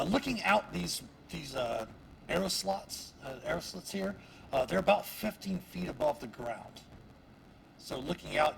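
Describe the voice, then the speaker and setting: A man narrating as dungeon master of a tabletop game, halting with many fillers. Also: on the high side, creaky. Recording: noisy stream audio.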